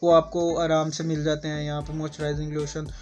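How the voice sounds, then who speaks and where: A Pakistani-accented man with a somewhat high voice speaks in a casual advice vlog. His delivery stays flat and even as he circles back to his points. Soft music plays faintly behind him. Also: brisk. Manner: conversational, repeats himself, rambling asides. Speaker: vlogger.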